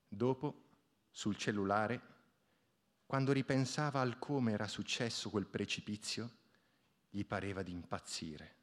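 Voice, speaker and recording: A man reading a literary short story aloud on the radio, with expressive storytelling. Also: lowish voice, unhurried, long pauses. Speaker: radio reader.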